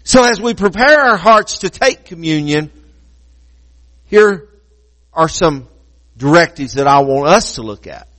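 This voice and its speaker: Pastor guy with a high voice preaching, hammers points by repeating them slow, teasing asides to the pews. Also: animated, fairly bright tone, big-room sound, rough recording. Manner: emphatic, repeats key phrases slowly; playful asides to congregation. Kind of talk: sermon.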